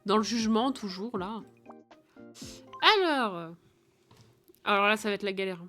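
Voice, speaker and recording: Chatty teasing streamer lady, tired, mid pitch, lil music in the back. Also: unhurried, a bit bright. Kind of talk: casual live-stream game chat.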